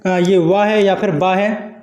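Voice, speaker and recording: A male teacher giving a patient exam-prep Hindi lesson, repeating each point and sounding out syllables slowly. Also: sits high, fairly even intonation, darkish tone, echoey room.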